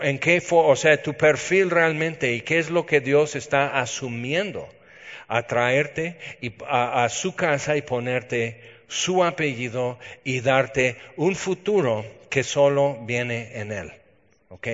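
A preacher with a Mexican accent and a slightly bright, mid-range voice gives a conversational sermon, telling stories laced with self-teasing humor. The recording has a dull, reverberant hall sound.

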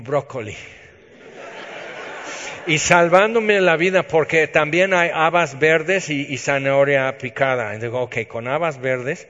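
A man's voice: on the high side, a bit bright. A man with a Mexican accent giving a conversational sermon, telling stories with self-teasing humor. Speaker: preacher. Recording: dull reverberant hall sound.

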